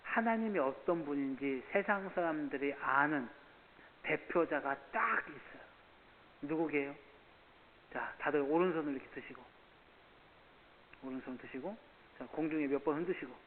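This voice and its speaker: A man preaches with energy and acts out the voices in his stories, moving from near-shouts to quiet remarks. His voice sits fairly high. It is picked up by a distant security camera, so it sounds thin, tinny and faintly hissy, with a long reverb. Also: moderate pace, long pauses. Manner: impassioned, swings from shouting to hushed asides; storytelling, acts out dialogue. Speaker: pastor. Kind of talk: sermon. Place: church sanctuary. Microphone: church CCTV camera audio.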